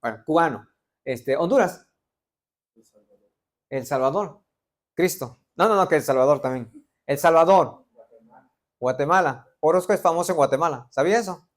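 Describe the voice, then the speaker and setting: A man's voice: on the high side, lively intonation, moderate pace, pauses often. A middle-aged man from Veracruz with a Veracruz Mexican Spanish accent, preaching a sermon and quizzing the congregation with joking asides. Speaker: pastor.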